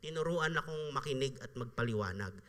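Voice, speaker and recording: Lively pastor man in a reverberant church hall. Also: mid-range voice, a little fast. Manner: conversational, acts out quoted voices, laughs often. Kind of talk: sermon. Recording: live church sound with long reverb.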